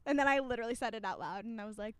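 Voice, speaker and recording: A woman's voice: on the high side, rapid-fire, a bit bright, smooth. A young woman co-hosting a podcast, chatting casually and reassuringly with many "like" fillers and frequent laughter. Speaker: podcast co-host. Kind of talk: casual chat.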